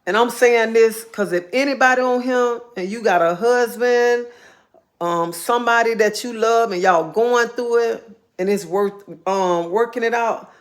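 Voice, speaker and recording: A woman's voice: a little high, measured pace. A woman, talking in a casual live-stream monologue, earnest and heartfelt, repeating herself for emphasis. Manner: earnest, heartfelt storytelling with repetition.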